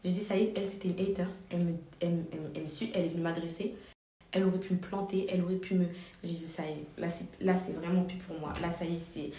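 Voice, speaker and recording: A woman's voice: on the low side, reverberant, a little hiss or hum. A young woman, a social media influencer, telling her followers a story in a casual, slangy way. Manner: rapid, animated, slangy.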